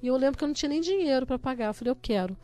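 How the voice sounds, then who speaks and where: A woman's voice: high-pitched, animated, very fast, warm tone, soft background music. A woman giving an earnest personal religious testimony and acting out her own prayers as she tells it.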